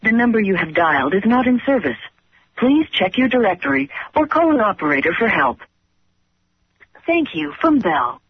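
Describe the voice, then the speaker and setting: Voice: mid-range voice, very animated, normal speed, a little hiss or hum. Recorded phone message over tinny line. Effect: recorded phone intercept message. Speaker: telephone operator recording. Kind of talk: formal scripted announcement.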